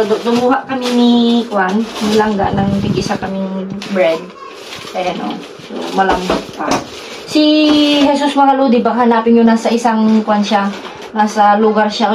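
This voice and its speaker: Chatty Filipina vlogger on the street. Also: female voice, mid-range voice, noisy background. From Philippines. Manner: chatty, keeps addressing viewers. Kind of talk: casual vlog chat to viewers.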